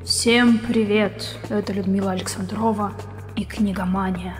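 A woman presenting a regular book segment, putting on a deliberately scary, lowered voice. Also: fairly even intonation, big-room sound, soft background music.

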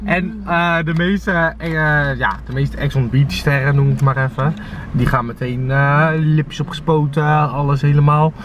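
A man's voice: fairly high pitch, fairly even intonation, a crowd in the background. Teasing young man vlogging in a car. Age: 20s. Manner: playful, teasing, quick to laugh. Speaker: vlogger host. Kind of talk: casual chat. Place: inside a parked car. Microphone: camera on the dashboard. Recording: dull distant mic in car, road hum.

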